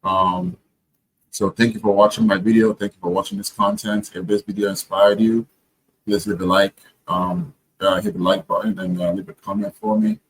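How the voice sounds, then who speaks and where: A man's voice: lowish voice, steady tone, normal speed, a little hiss or hum, rough recording. A man talking casually to camera, earnest and reflective, with frequent hesitations and restarts. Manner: hesitant, many ums and restarts. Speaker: vlogger.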